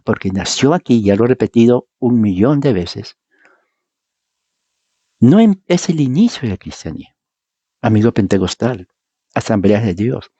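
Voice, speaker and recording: A man's voice: on the low side, warm tone, slightly rough, dry recording. A man preaching an informal teaching sermon in an emphatic, argumentative way, often repeating his points. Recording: dull, muffled dry sound.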